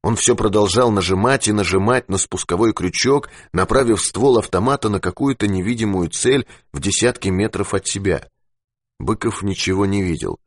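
A man reading an adventure novel aloud as an expressive audiobook narrator. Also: fairly low pitch, normal speed, no room sound, clean studio sound.

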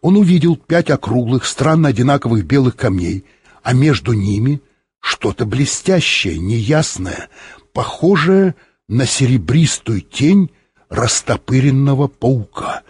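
A man narrating an audiobook in an expressive, animated reading style. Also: mid-range voice, husky, dry recording.

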